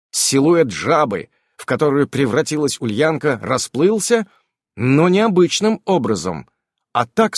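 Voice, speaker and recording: A man narrating a fantasy audiobook in a lively, dramatic storytelling manner. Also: a little high, husky, no room sound, clean studio sound. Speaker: audiobook reader.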